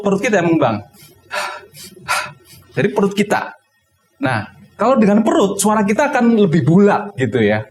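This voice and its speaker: A man giving an instructional talk on public speaking, explaining step by step and acting out high and low tones. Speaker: teacher.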